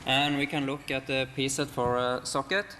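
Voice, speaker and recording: A man giving a live software demonstration, explaining what is shown on screen. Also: medium pitch, level tone, normal speed. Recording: hall reverb with faint noise.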